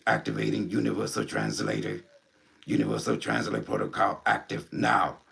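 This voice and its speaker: A man voicing a calm, helpful male robot intelligence from the future, speaking slowly and mechanically, like system announcements. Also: low-pitched, creaky, voice pushed down, heavily acted.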